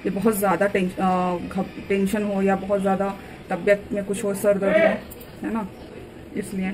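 A young woman chatting softly and slowly while she cooks in her home kitchen, recorded on a phone. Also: medium pitch, flat delivery, far from the mic, a crowd in the background, rough recording. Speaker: cooking vlogger. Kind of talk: casual home cooking vlog.

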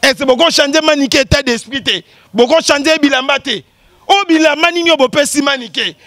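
A man hosting a show with animated commentary, teasing people, breaking into exclamations and laughs. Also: extremely high pitch, moderate pace, no room sound, clean studio sound. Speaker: show host.

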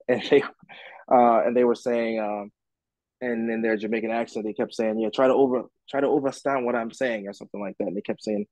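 A musician man answering interview questions casually, relaxed and rambling with many fillers and restarts. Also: medium pitch, dry recording, low-quality recording. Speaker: musician guest.

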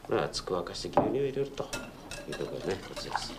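A middle-aged man teaching a cooking demonstration, patient and polite, explaining each step with gentle tag questions. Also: sits low, big pitch swings, quick pace, very noisy. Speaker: cooking instructor.

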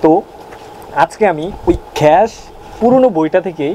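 A young man with a Chittagong Bengali accent chats in a playful vlog, his voice sitting a touch high. He teases the viewer with questions as he goes. A faint hum runs under the recording. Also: lively intonation, moderate pace, mellow, poor audio. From Chittagong region of Bangladesh. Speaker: YouTuber. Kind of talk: casual vlog about regional dialect words.

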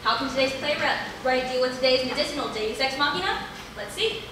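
A woman plays a brisk female playwriting lecturer who comments on the scene with dry, theatrical asides. Her voice sits high and swoops lively through each remark. It rings around a large, echoey hall, picked up from far back with a noisy hiss. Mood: wry. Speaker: stage actor. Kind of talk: live stage comedy sketch. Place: large indoor theater stage. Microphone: distant camera mic.

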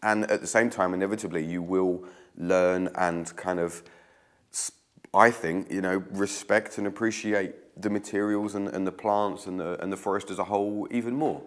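Recovering from a cold, a croaky, very low-voiced man in his thirties keeps weaving as he explains a craft tutorial in a chatty manner. His intonation stays fairly even and his speed is normal. He's filmed in an old stone-walled room by a camera on the opposite side of the table.

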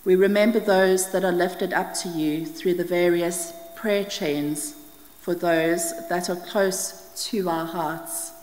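A middle-aged woman from the Scottish Highlands reading prayers aloud at a church lectern, steady and careful, with small slips as she reads. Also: slow pace. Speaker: prayer leader. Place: church hall with brick wall, indoors. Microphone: stand mic at lectern, wide camera. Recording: long hall reverb.

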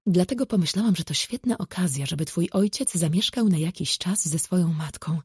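A woman's voice: fairly low pitch, animated, a little fast, darkish tone, slightly rough, no room sound, studio quality. A woman voicing a fussy, scheming middle-aged mother in an audiobook, who talks dramatically and drops into conspiratorial whispers. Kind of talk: audiobook character voice.

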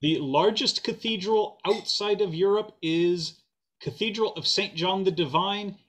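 A man hosting a trivia game on a video call, reading out questions and answers in a measured way. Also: high voice, a bit bright. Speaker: trivia quizmaster.

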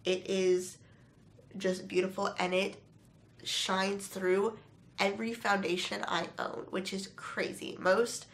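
A woman's voice: medium pitch, level tone, slow pace. Congested young woman with a nasal voice. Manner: chatty, rambling, apologetic. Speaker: beauty vlogger. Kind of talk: casual chat to camera.

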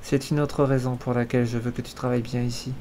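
A gracious, wealthy countess speaks softly and evenly in this storybook reading, voiced by a man. Her lines come low and measured, at an ordinary pitch. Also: flat delivery, a little hiss or hum, natural voice. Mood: gentle. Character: gracious wealthy countess, woman, middle-aged.

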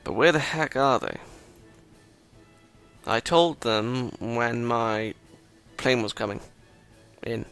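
A man's voice: medium pitch, slow pace, gravelly, long pauses, a bit bright, clear, resonant tone, faint music behind. A man reading a visual novel aloud with commentary and sarcastic, self-mocking asides. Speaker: gameplay commentator.

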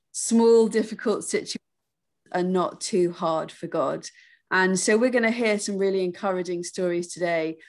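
A middle-aged woman hosting an online workshop, speaking encouragingly with a few fillers over a video call from her living room. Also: medium pitch. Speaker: workshop host. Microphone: laptop webcam on a video call.

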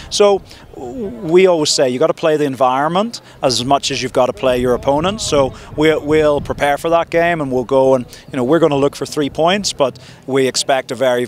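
A man in his thirties speaks as a football head coach in a post-match press interview. His delivery is measured and reflective, often leaning on "you know" and "look". He is outdoors, close to a cluster of handheld reporter microphones. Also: mid-range voice, a little hiss or hum. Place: outdoors at a stadium in front of a sponsor backdrop. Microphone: several handheld reporter mics held close.

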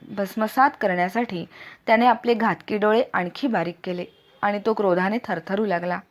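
A woman reading a first-person audiobook aloud with expressive, dramatic storytelling. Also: mid-range voice. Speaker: audiobook narrator.

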